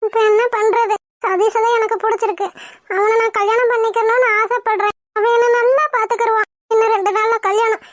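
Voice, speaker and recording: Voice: little pitch movement, fairly quick, no room sound, clean studio sound. A performer voicing a young woman in a cartoon who is torn and tearful about leaving her parents. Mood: anxious. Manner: high-pitched, weepy pleading. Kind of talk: cartoon voice acting.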